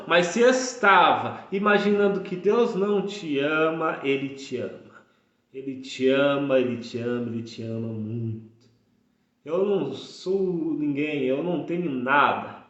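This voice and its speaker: A man's voice: on the high side, a bit bright. A man in his thirties preaching a fervent sermon, repeating phrases for emphasis. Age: 30s. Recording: echoey room, dull lo-fi sound.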